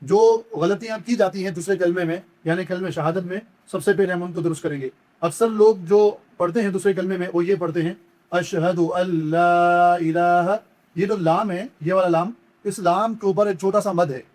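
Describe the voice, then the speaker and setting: A man teaching correct pronunciation in a religious lesson. He explains each mistake patiently and repetitively, then chants the words slowly and stretches them out. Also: sits high, darkish tone. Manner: corrects errors, then demonstrates slow, drawn-out chanted recitation. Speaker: Quran recitation teacher.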